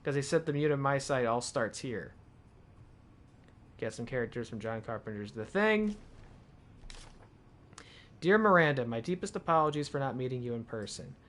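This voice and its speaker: A man's voice: mid-range voice, expressive, normal speed, pauses often, fairly bright tone. A man streaming a video game, chatting casually, thinking aloud and correcting himself, and reading in-game documents aloud. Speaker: gaming streamer. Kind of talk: live gameplay commentary and reading in-game files aloud.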